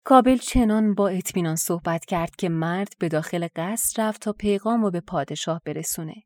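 A woman reading a folk tale aloud as an audiobook, in a steady, gentle narration. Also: on the low side, dry recording, studio quality. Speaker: audiobook reader. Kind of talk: scripted storybook narration.

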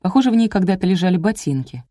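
A woman reading a first-person detective audiobook in a brisk, wry storytelling manner. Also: on the low side, animated, mellow, no room sound, clean studio sound. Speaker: audiobook narrator. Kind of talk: scripted first-person narration.

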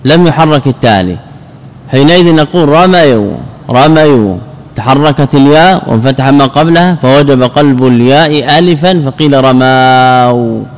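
A man teaching a grammar lesson, repeating word forms slowly and putting questions to himself before answering. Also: medium pitch. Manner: repeats words, drills forms, asks and answers own questions. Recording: long hall reverb.

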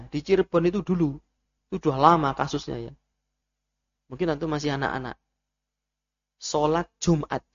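Gravelly Javanese-accented man preaching. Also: a little high. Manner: animated storytelling with Javanese asides, mixing in Arabic terms. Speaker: religious teacher. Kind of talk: Islamic study lecture. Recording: muffled lo-fi lecture audio.

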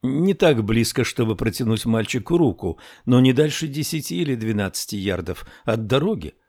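A man narrating a thriller audiobook in a slow, measured storytelling manner. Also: mid-range voice, lively intonation, darkish tone, no room sound, clean studio sound.

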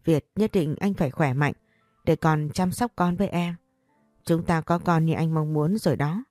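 A woman narrating a story in a steady reading voice. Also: sits low, normal speed, no room sound, studio quality. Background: faint music.

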